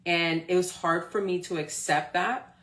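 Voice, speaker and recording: A woman's voice: lowish voice, steady tone, unhurried, a bit bright. A woman in her forties giving an encouraging motivational talk on a live stream, often checking in with her listeners. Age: 40s. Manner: encouraging, checks in with frequent "okay?" and "right?". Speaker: motivational speaker.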